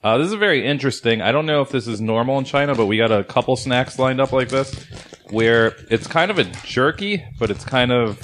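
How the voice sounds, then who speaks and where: A man's voice: medium pitch, animated, fairly quick, a bit bright, a little hiss or hum. A man hosting a casual snack review, rambling and laughing between swears. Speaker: host.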